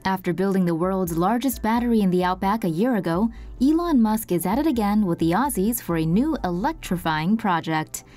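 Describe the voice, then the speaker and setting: A woman narrating a scripted news report in an even, informative voice-over. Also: mid-range voice, fairly quick, hardly any pauses, soft background music.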